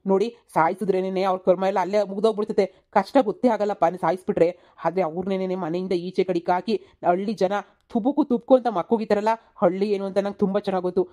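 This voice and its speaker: A woman voicing a young village man in a cartoon comedy, a scheming son who talks briskly and persuasively. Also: mid-range voice, steady tone, mellow, close to an everyday voice.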